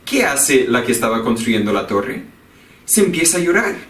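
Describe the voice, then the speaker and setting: A man's voice: mid-range voice, sing-song, normal speed, a bit bright, far from the mic. Man preaching in an echoey church. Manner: earnest, repeats key phrases for emphasis. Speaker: pastor. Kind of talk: sermon. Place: church sanctuary.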